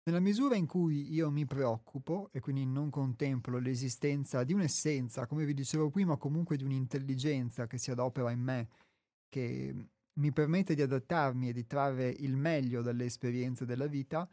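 An Italian man speaks in a calm, explanatory way, often circling back and restarting his phrases as he reads and comments. His voice is mellow and somewhat dark, recorded close and dry with no room sound. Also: medium pitch, dry recording. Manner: measured, explanatory, with frequent restarts and fillers. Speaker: host reading and commenting a spiritual text. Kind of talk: reflective radio talk with reading.

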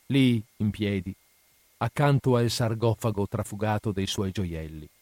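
A man's voice: lowish voice, unhurried, a little mellow, dry recording. Male narrator, dramatic mournful audiobook read, dry close voice. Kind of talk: first-person audiobook narration.

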